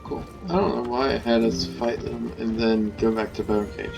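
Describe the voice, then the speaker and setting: Creaky-voiced man playing a game. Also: mid-range voice, steady tone, normal speed. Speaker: gaming video host. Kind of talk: casual let's play commentary. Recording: game music behind the voice.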